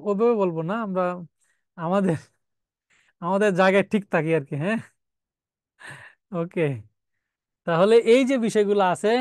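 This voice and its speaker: Recorded dry with a clean studio sound, a man with a high voice teaches a live exam-prep grammar lesson. He explains step by step, repeats key words, poses rhetorical questions, and reads out student names and comments.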